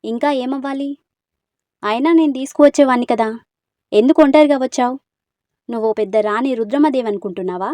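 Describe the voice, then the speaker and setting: Picture a woman reading the part of a young village man with a quick temper and a soft heart, fussing and coaxing in a fairly high voice. The reading is dry and close, with no room around it. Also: no room sound, natural voice. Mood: scolding. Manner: scolding then coaxing.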